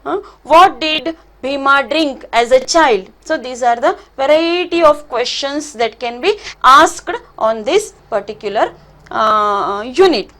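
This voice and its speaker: A woman's voice: high voice, lively intonation, slow, a bit bright. A middle-aged woman with a Kannada-accented Indian English, teaching an online lesson in an emphatic way, repeating her points and checking in with short questions. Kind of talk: online lesson explanation, advising students.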